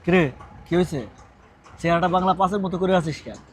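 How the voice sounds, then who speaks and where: A man's voice: sits high, steady tone, fast talker, natural voice. An actor playing a young man who teases his married friend in casual banter. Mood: teasing. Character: teasing young male friend. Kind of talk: TV drama acting.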